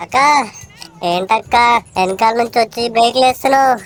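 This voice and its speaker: A woman's voice: fairly high pitch, fairly quick, faint music behind, lightly acted. A woman voicing a whiny, tattling little boy in a cartoon dub.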